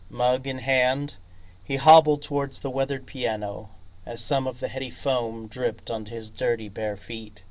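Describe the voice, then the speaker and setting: A man reading his own short story aloud as narrator, in a deliberate storytelling manner. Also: medium pitch, steady tone, dry recording. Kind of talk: scripted narration.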